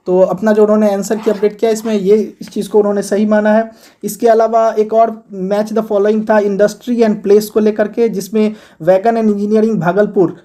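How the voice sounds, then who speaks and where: A man's voice: sits high, dark tone. A man teaching an exam-preparation video lesson, explaining answers one point at a time in a conversational way.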